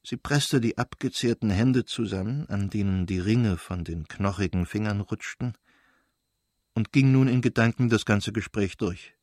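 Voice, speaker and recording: A man reading a classic novel aloud in calm, measured audiobook narration. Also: fairly low pitch, no echo, studio quality. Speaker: audiobook reader.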